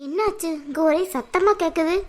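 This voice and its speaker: A woman's voice: very high voice, moderate pace. A woman voicing an anxious young wife in a cartoon, speaking in a plaintive, complaining way. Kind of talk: cartoon voice acting.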